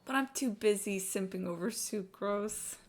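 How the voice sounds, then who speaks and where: A woman chats casually on a gaming livestream, rambling, swearing and being self-deprecating, while game music plays. Her medium-pitched voice is unhurried, and the recording is very noisy.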